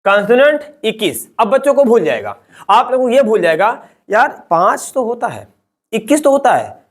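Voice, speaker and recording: A man's voice: high voice, very animated, normal speed. A man teaching a beginners' English lesson in Hindi, drilling letters one by one, asking questions and answering them himself, and calling his listeners children. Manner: calls listeners children and uses friendly address. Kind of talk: classroom-style online lesson.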